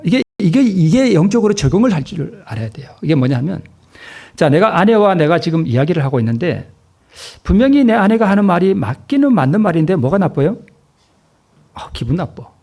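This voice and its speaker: Pastor guy preaching, husky voice, kinda high, keeps asking the crowd stuff then answering it. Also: dark tone. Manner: asks the congregation questions and answers them himself; repeats key phrases for emphasis. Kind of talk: sermon.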